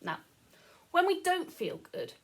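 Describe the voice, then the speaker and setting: A woman with a very high-pitched voice, speaking a little slowly, reads a children's story aloud as a teacher. Her delivery is expressive and sing-song, with explanations along the way and questions for her young audience.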